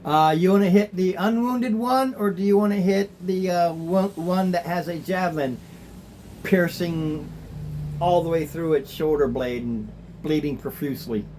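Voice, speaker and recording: A man's voice: high-pitched, moderate pace, background noise. Chuckling man running a tabletop game. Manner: casual, chuckling, thinking aloud. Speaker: game master.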